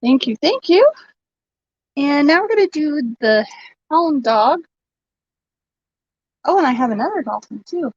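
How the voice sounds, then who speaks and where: A chatty woman runs a live vintage sale, laughing often as she talks. Her voice sits fairly high and she takes her time. The stream audio is dull and lo-fi, with a dry, close sound. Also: big pitch swings, measured pace, pauses often, no echo. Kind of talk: casual live-stream selling chat.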